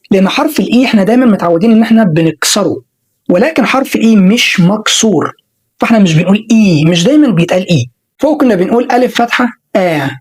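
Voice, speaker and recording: A woman with an Egyptian Arabic accent teaches an online pronunciation lesson, sounding out words slowly and repeating them for learners to copy. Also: medium pitch, a little mellow, husky, low-quality recording.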